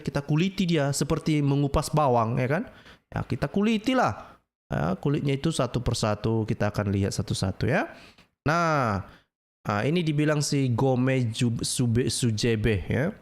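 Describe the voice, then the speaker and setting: A man with an Indonesian accent hosting a livestream, talking in an argumentative, mocking way and challenging his audience. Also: mid-range voice. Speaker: livestream host.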